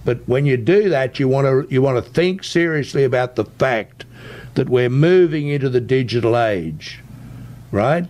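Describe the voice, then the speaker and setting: A man's voice: medium pitch, expressive, moderate pace, darkish tone. A man with an Australian accent speaking as an interview guest, explaining and persuading in an emphatic, insistent way and often checking with "right?". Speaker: interview guest, tech entrepreneur.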